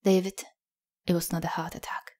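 A woman voicing a grave male doctor who delivers bad news in a hushed, matter-of-fact way. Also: fairly low pitch, level tone, a little fast, natural voice.

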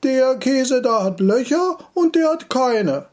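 A man's voice: very high voice, animated, takes it slowly, darkish tone, full character voice. Man doing a whiny insistent little boy. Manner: pleading, insistent questions.

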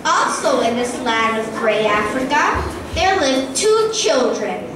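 A girl of about ten or eleven, her fairly high female voice very animated, reads scripted storytelling narration slowly as the narrator of a school play. Filmed from the audience by a far camera at a theatre hall stage, the sound is distant, echoey and very noisy.

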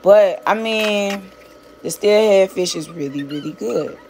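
In a casual cooking vlog, a young woman from Miami preps fish in her home kitchen, speaking a little slowly in a medium-pitched, darkish voice. She chats with plenty of slang and repeated words while she cooks, over slight background noise.

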